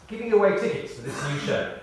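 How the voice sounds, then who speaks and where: Reading a written tribute at a memorial, this high-pitched British man mixes in amusing anecdotes. He paces it like a story, pausing, leaning on key words, and letting his intonation swing expressively. The capture is distant and heavily echoed, with a faint hiss of noise.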